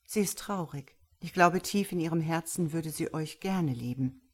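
A woman voicing a gentle, sorrowful husband who speaks quietly in a read-aloud story. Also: low voice. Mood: sad. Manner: quiet and slow.

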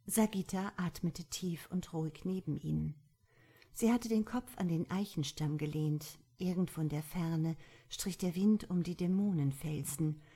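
A woman narrating a fairy-tale audiobook in a soft, hushed manner that often drops near a whisper. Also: on the low side, measured pace, breathy edge. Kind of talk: audiobook storytelling.

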